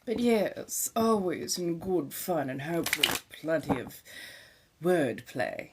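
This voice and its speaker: This woman's deep voice moves slowly and animatedly, with noise in the background. Playing a theatrical vampire on a live stream, she chats with viewers in an affected 1700s colonial transatlantic accent, using flowery phrasing and addressing people as darling.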